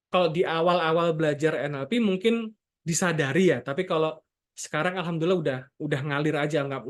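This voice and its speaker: A man who practises NLP, giving a relaxed, chatty lesson and dropping English terms into his explanations. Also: a little high. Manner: chatty, loose teaching talk with English terms and frequent "gitu" tags. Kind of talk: casual explanatory lecture.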